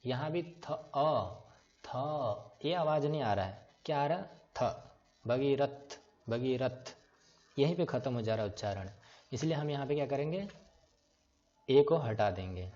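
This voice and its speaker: A man's voice: medium pitch, lively intonation, normal speed, pauses often, warm tone. A man teaching an online class, patiently breaking words apart and spelling them letter by letter. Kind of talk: online class on writing names in English letters. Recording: slightly dull lo-fi recording.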